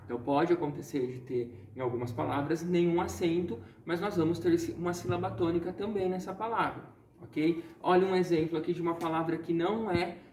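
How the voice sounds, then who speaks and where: A man's voice: on the high side, darkish tone, slight background noise. A man teaching a lesson, explaining patiently and often checking in with his students. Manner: patient, explanatory, frequent check-ins like "certo?" and "tá?". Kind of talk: recorded online lesson. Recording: echoey room, voice from a distance.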